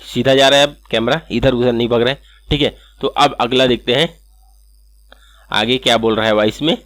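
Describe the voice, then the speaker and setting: A man's voice: mid-range voice, steady tone, normal speed, fairly bright tone, no room sound. Man explaining step by step, dry close mic. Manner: step-by-step, repeats "ठीक है" often. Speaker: animation tutorial host. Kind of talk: screen-recorded software tutorial.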